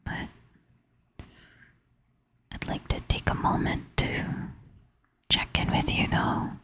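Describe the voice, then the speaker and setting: A woman speaks almost entirely in a breathy whisper, sometimes rising to a soft half whisper. She takes her time, slow and unhurried, and sounds sleepy and tired. Her whisper has a bright, crisp edge. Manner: soft, slow, intimate whispering with gentle laughs. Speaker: ASMR creator. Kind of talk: ASMR whispered chat to the viewer.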